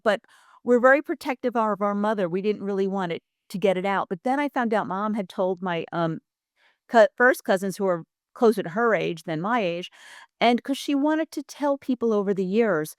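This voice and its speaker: A woman's voice: medium pitch, darkish tone, smooth, no echo, clean studio sound. A woman in her sixties telling a family story as a podcast guest, chatty and acting out what relatives said. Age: 60s. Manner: chatty, acts out quoted family dialogue. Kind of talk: personal storytelling in conversation.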